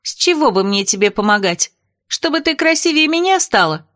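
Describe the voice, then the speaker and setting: A woman putting on a shrill snappish young steppe princess. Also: very animated, normal speed, a bit bright.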